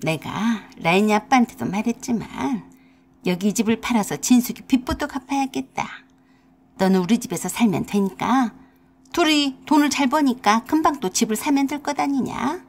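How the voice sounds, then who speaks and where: Radio drama: woman doing a bossy older mother-in-law, high and husky, nagging with rural dialect words. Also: lively intonation, normal speed. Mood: demanding. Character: scolding older mother-in-law, domineering and self-pitying.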